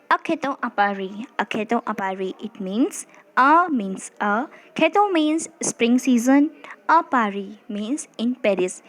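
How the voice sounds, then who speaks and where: High-voiced woman teaching a language lesson. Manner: explains patiently in Hindi and English, reads French dialogue aloud. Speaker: French teacher.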